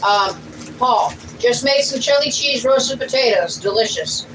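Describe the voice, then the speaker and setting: A woman's voice: fairly high pitch, expressive, measured pace. A middle-aged woman, chatting casually on a family livestream and reading viewer comments aloud. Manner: homey, chatty, plainspoken. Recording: distant mic in a noisy room.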